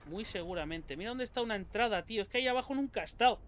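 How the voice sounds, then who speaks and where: A man from Spain with a Spanish accent, commentating his own gameplay in an excitable, swearing, talk-to-himself way. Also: sits high, very fast. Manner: excitable, swears a lot, talks to himself and viewers. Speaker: gaming YouTuber.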